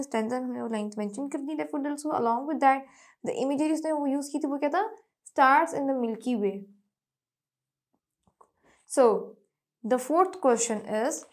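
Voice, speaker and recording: A woman teacher giving a classroom lecture. She reads answers slowly and explains them quickly, often addressing the class. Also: high voice, darkish tone.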